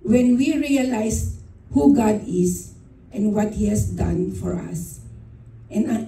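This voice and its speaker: A Filipino woman giving a church devotion, mixing Tagalog and English, unhurried, with frequent restarts. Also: medium pitch, warm tone. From Philippines. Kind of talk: devotional talk with a personal story. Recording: echoey room, speaker far from the mic.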